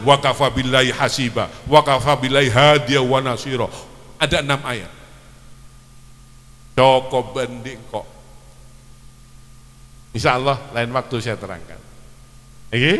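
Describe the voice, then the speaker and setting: Slow, bright-voiced preacher with a Madurese accent. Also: male voice, mid-range voice, in a large hall. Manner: quizzes the crowd, urging them to answer. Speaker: Islamic preacher (kyai). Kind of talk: sermon at a religious celebration.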